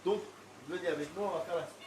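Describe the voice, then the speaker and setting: A man's voice: high-pitched, fast talker, a little mellow, soft background music. A man giving a casual live walkthrough of an aquarium shop, chatting loosely with plenty of fillers as he walks around. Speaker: aquarium shop tour host.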